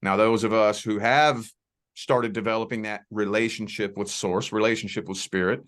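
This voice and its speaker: His voice sits on the low side, steady and fairly bright, with the Southern accent of someone from Southern Indiana near Louisville on the Indiana and Kentucky border. Appearing as a guest over video call, he delivers a tarot reading and spiritual conversation in a reassuring, folksy manner, drawing words out for emphasis.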